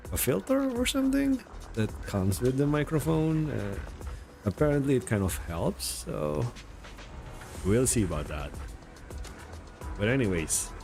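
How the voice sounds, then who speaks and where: A game streamer with a creaky, mid-range voice chats casually while livestreaming a game. He rambles and puts himself down as he searches for words, with game music playing in the background.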